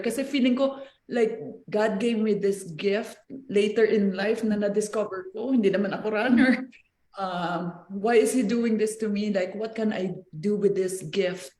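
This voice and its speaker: A middle-aged woman with a Filipino accent, an interview guest telling her story in a lively, casual way, mixing languages mid-sentence. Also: mid-range voice. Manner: animated, switches between Tagalog and English mid-sentence. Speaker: interview guest, marathon runner. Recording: echoey room.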